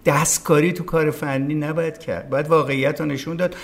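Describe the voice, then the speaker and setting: A man's voice: fairly high pitch, fairly even intonation. A man, a veteran broadcaster, talking as a podcast guest in casual conversation, emphatic and opinionated, often acting out what others said. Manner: emphatic, opinionated, acts out quoted speech.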